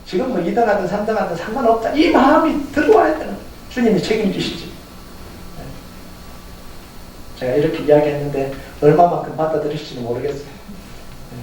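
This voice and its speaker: A male pastor preaching a Sunday sermon with animated delivery, chuckling and posing questions to the congregation in a church sanctuary. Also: sits high, fairly quick, pauses often, slight background noise. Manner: animated, talks straight to the congregation with rhetorical questions; chuckles through his points. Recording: echoey hall heard from a distance.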